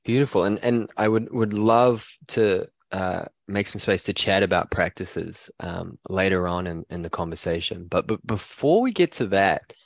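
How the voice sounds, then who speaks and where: A man with a New Zealand accent hosting a podcast interview, thoughtful and halting with frequent restarts. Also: deep voice, creaky, no room sound, studio quality. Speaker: podcast host.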